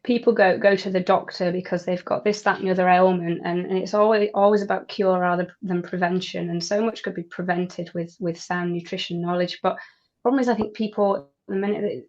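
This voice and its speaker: A woman's voice: on the low side, steady tone, brisk, darkish tone. Enthusiastic woman on a lo-fi call. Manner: enthusiastic, many restarts. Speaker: airline pilot and nutrition coach, guest. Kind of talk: conversational interview.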